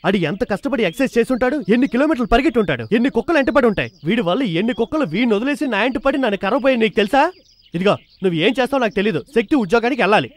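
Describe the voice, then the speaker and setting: An actor playing a cheeky, meddling comic uncle in a film comedy scene, teasing and wisecracking. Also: male voice, extremely high pitch, expressive, very fast. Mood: wheedling. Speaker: comic relief.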